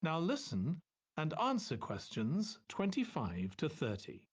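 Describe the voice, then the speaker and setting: A man reading scripted test instructions as an announcer, formal and deliberate. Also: a little high, huge pitch swings, husky. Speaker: exam announcer.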